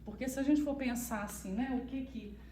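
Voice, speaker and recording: Soft-spoken woman in an echoey hall. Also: on the high side, fairly quick, background noise. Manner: soft, even-toned, speaks of her monotone voice. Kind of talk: informal talk to a church group. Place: church hall. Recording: echoey room, far from the mic.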